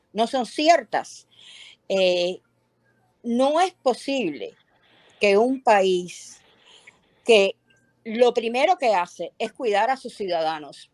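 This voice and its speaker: A woman's voice: mid-range voice, no room sound. Earnest older woman, dry close sound. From Cuba. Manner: earnest, passionate, speaks with conviction. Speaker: activist guest. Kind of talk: interview over a video call.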